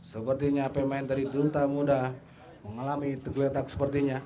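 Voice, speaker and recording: A man's voice: mid-range voice, little pitch movement, brisk, warm tone. A man with an Indonesian accent giving live play-by-play commentary as a football commentator.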